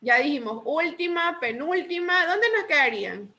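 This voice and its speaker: A woman teacher leading a remedial class, patiently quizzing students with repeated questions and dictating rules slowly. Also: high-pitched, expressive, bright, forceful tone. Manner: slow deliberate dictation of rules.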